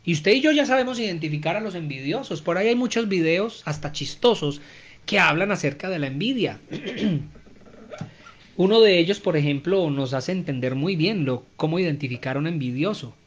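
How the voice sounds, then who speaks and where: A man's voice: on the high side, lively intonation, moderate pace, dull audio. A man giving a conversational Bible teaching, often checking in with his listeners and acting out everyday speech to make his points.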